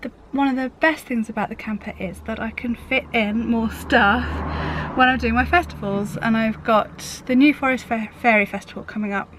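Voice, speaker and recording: A woman, croaky from a cold, chatting rambly and casually in a camper van vlog. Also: a little high, moderate pace. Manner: chatty, rambling, self-interrupting. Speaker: craft vlogger. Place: inside a camper van on a busy main road. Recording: traffic noise from a main road. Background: road traffic noise.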